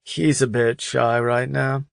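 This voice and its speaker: A man's voice: mid-range voice, little pitch movement, takes it slowly, creaky, clear, resonant tone, no room sound, studio quality, voice pushed up. A male narrator voicing a blunt, outspoken male friend who lectures and teases.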